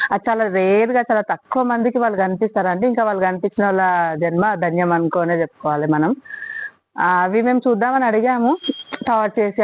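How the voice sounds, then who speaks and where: A woman's voice: medium pitch, a little mellow, low-quality recording. A woman, talking in a fervent, rambling way in a casual devotional travel vlog recorded outdoors at a temple at night. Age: 30s. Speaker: travel vlogger.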